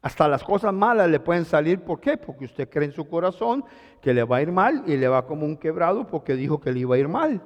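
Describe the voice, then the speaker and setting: A male pastor giving an animated sermon, often calling out questions to his congregation. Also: a little high, a little fast, big-room sound. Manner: animated preaching, calls to the congregation.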